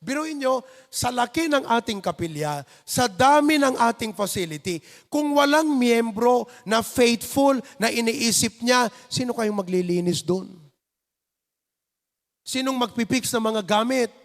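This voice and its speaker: A Filipino man preaching a midweek sermon as pastor, animated and acting out people's reactions. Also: extremely high pitch, unhurried, long reverb tail. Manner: animated, acts out neighbors' reactions in put-on voices. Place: church sanctuary.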